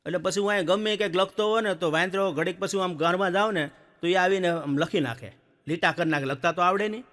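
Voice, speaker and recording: A man's voice: high-pitched, fast. A man telling folk jokes on stage, acting out villagers and animals. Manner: lively joke-telling, acts out villagers and animals. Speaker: stand-up comedian. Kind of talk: folk comedy storytelling. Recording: long hall reverb.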